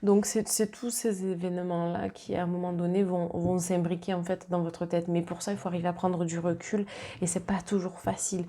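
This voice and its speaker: With a dark, lowish voice and a level tone, this Marseille-accented woman from southern France moves briskly through a casual tarot reading. She is chatty and reassuring, often using fillers and starting sentences over.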